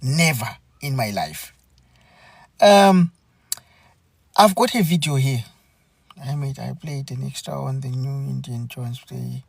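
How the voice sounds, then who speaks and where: A man hosting a live stream, speaking in an earnest, halting way and often repeating himself. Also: medium pitch, creaky, no echo, studio quality. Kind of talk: unscripted live commentary.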